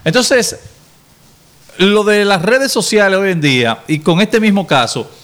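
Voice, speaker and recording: A man on talk radio with a slightly high voice. He builds his case rhetorically and leans on key words for emphasis. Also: expressive, a bit bright. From Dominican Republic. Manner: argumentative, rhetorical, measured emphasis.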